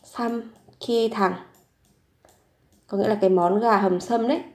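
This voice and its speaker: A woman's voice: mid-range voice, fairly even intonation, normal speed, darkish tone. A woman teaching vocabulary, patiently repeating words and asking herself questions as she explains example sentences. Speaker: Korean language teacher. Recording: roomy echo.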